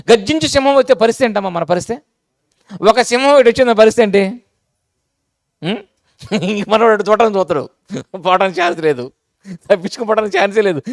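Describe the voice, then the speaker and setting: A man preaching with a notably high voice, recorded dry and close. He talks to his congregation in a plain, conversational way, repeating his points and firing rhetorical questions at them. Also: no echo. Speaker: pastor. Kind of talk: sermon.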